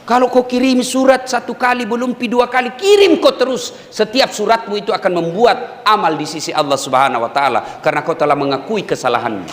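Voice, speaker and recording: A man preaching a humorous sermon to prison inmates with a Makassar Indonesian accent, swinging between loud emphasis and low asides as he acts out little dialogues. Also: brisk, hardly any pauses. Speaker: Islamic preacher. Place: prison hall. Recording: hall reverb.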